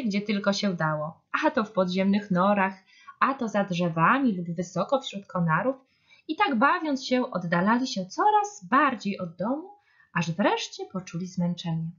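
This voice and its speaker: Woman reading kids stories, really expressive, muffled lo-fi sound. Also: mid-range voice, husky. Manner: animated, expressive. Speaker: storyteller. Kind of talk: children's story reading. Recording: dull lo-fi storybook reading.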